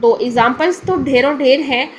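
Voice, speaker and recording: A woman's voice: high voice, a little hiss or hum, poor audio. A woman with a Pakistani Urdu accent teaching a Tajweed lesson, explaining patiently and often checking that the listener follows. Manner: patient, repeats each point, checks in with the listener. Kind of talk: Quran pronunciation lesson.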